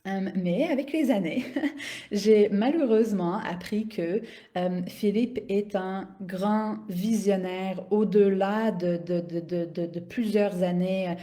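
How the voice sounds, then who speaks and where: A woman with a mid-range, dark-toned voice speaks slowly, casually telling personal stories off the cuff, often hesitating and repeating little words while she hunts for the next one. She grew up in the Middle East, in Saudi Arabia and Dubai, in a Syrian-Canadian family. A health coach and business owner, she's hosting a live stream.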